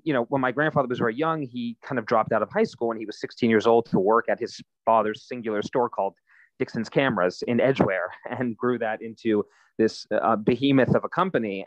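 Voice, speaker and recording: A man in his thirties talks through his background at an unhurried, conversational pace. He fills pauses with easy fillers as he tells his story. His voice comes through a dry, somewhat dull recording. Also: mid-range voice, no echo. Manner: relaxed storytelling, frequent fillers. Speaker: guest, nonprofit founder. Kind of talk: conversational interview answers.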